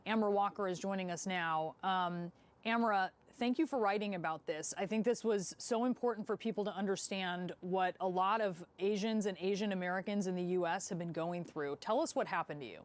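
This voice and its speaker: A woman news anchor with a mid-range voice reads her lead-in in a steady, measured way. She then turns to her guest with plain, composed questions. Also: mid-range voice. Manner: measured, scripted delivery.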